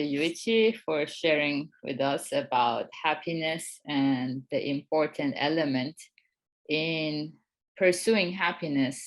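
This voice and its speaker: A woman in her forties co-hosting a Buddhist webinar, telling stories with frequent light laughs. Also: low-pitched. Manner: warm storytelling with frequent laughs. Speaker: co-host of a Buddhist talk. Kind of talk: dharma talk webinar.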